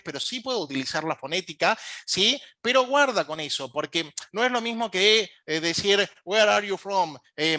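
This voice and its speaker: Bright-voiced Argentine man lecturing. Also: high voice, no echo. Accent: Argentine Spanish. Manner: asks the audience frequent check-in questions; frequent hesitation fillers. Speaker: emergency communication instructor. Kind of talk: recorded lecture.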